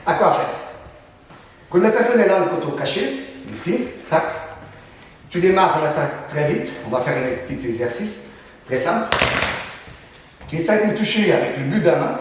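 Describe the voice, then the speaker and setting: Male martial arts instructor, brisk demonstrations with sound words, heard from afar in a reverberant hall. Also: fairly high pitch, animated, distant mic, a little hiss or hum. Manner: punctuates moves with sound words. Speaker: Krav Maga instructor. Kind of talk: demonstrating self-defense techniques.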